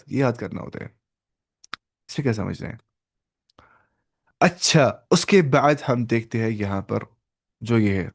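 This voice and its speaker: A man's voice: medium pitch, gravelly, darkish tone. A male language teacher in an online lesson, who drills phrases, repeats them and prompts his student to answer. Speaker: Arabic teacher.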